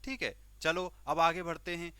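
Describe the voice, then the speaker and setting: A man's voice: on the high side, moderate pace, clean tone, no room sound. A man with an Indian accent teaching homeopathy through an acted story, often repeating "okay" and speaking in short bursts. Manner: animated, acts out characters, repeats "okay". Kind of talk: storytelling lecture.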